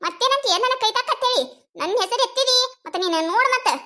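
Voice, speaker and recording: A very high, piercing voice from a loud village wife in a cartoon comedy, as a woman voices her. She speaks with a North Karnataka Kannada accent and keeps scolding, mocking and wailing. The tone stays shrill and quarrelsome throughout. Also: animated, racing, exaggerated voice.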